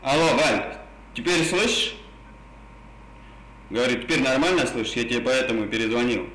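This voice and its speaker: A man's voice: mid-range voice, moderate pace, fairly bright tone. A man coaxing insistently in a casual phone chat, repeating himself, his r sounds burred and indistinct. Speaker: prank caller. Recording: echoey phone call, faint noise.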